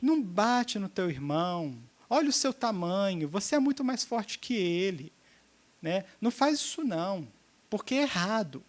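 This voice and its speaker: A man voicing a patient young mother gently scolding her son. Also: high voice, big pitch swings, normal speed. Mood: coaxing. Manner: gentle, coaxing.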